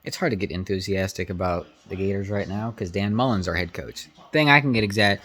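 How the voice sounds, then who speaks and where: Excitable man reacting to a live game. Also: fairly low pitch, fairly quick. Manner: opinionated, informal, slangy; excitable, swinging from shouts to grumbling. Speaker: sports fan live-reacting.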